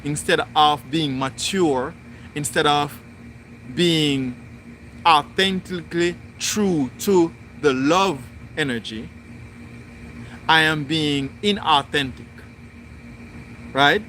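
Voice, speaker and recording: A man hosting a spiritual livestream, talking through his thoughts in slow, deliberate, repetitive phrasing. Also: on the high side, pushed and bright, a little hiss or hum. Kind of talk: reflective spoken monologue.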